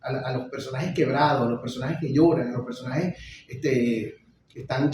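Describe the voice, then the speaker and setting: A middle-aged man giving a public lecture on theater, expressive, with frequent restarts. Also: mid-range voice. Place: lecture hall. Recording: echoey hall, mic far off, faint noise.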